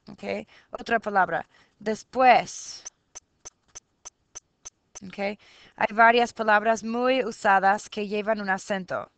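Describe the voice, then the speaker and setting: A woman's voice: medium pitch, fairly bright tone, smooth, no echo. A woman teaching a recorded lesson to her students. She switches between Spanish and English and keeps checking in with "ok?".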